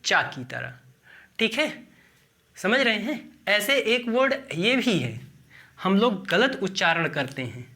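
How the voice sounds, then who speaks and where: Slow Indian man teaching pronunciation. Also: sits high, very animated, bright, forceful tone. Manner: slow, repeats words and quizzes the listener. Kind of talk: classroom-style lesson at a board.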